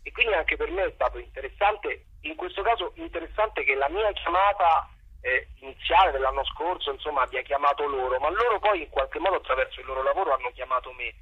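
A middle-aged theatre director speaks as a guest in a conversational interview, sounding hesitant and reflective as he searches for phrasing and repeats words. His husky voice is on the high side, with lively intonation and a quick pace, and the sound is phone quality.

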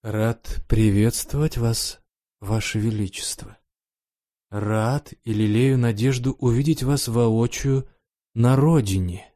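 A male narrator voicing an older security chief in an audiobook, hushed and reverent. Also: medium pitch, slow pace, lightly acted. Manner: reverent, subdued.

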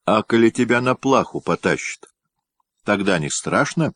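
A hoarse, angry boyar spits out blunt, scornful words, as a man reads him aloud. The voice sits low and the sound is dry and close, with no room around it. It reads like a storybook scene. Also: fairly even intonation, unhurried, dry recording.

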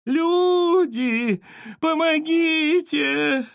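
A man doing a shrill wailing old mother. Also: very slow, creaky, a bit bright, no room sound, clean studio sound, exaggerated voice. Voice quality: thin shrill wail.

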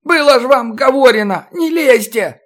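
A man's voice: high voice, unhurried, voice pushed up. A man voicing a frightened, sniffling teenage boy from a swamp village who speaks in rustic folk dialect. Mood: tearful pleading. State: tearful, sniffling.

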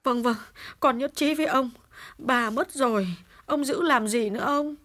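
A woman's voice: fairly high pitch, moderate pace. A woman voicing an emotional young female servant who tells her story plainly. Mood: agreeing. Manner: plain-spoken, storytelling with sobs.

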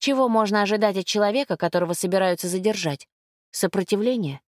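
Woman calmly narrating a crime novel. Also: medium pitch, fast talker, dry recording, studio quality. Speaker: audiobook narrator.

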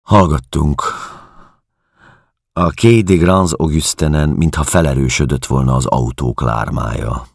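A man narrating a novel in the first person, in a measured, somber reading into a close studio mic. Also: extremely low pitch, vocal fry, breathy edge, no echo. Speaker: audiobook narrator.

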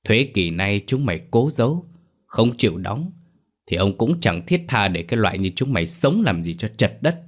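A man voicing a cruel, domineering old village elder who barks orders in a hoarse voice, in a horror story. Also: lowish voice, big pitch swings, normal speed. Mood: menacing. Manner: barking orders, vulgar abuse.

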